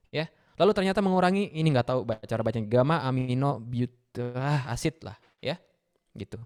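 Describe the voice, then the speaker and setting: A man, giving a lively motivational talk to students, often asking them questions and mixing in English phrases. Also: medium pitch. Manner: animated, mixes English phrases, asks the audience questions. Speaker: guest speaker for school students.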